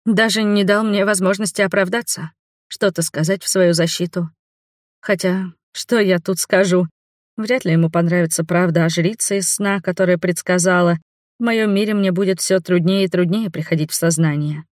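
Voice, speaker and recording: A young adult woman narrating a first-person audiobook in an even storytelling manner. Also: lowish voice, normal speed, no echo, studio quality.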